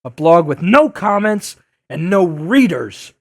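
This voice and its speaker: A man's voice: high-pitched, big pitch swings, slow, a little mellow, exaggerated voice. A man playing an earnest, exasperated young wisecracking superhero in an audio drama, speaking with impassioned indignation. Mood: indignant, hurt.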